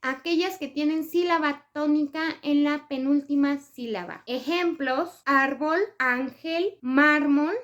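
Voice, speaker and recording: A woman presenting a spelling lesson for writers, explaining step by step with examples and frequent hesitation fillers. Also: high voice. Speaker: writing tips presenter.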